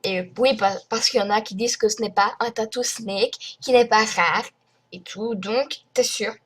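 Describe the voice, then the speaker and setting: A woman's voice: a little high, fairly even intonation, moderate pace, fairly bright tone, husky. A young woman from France ranting to her viewers in a rambling, indignant way, full of fillers. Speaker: vlogger. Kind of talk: casual screen-recorded rant.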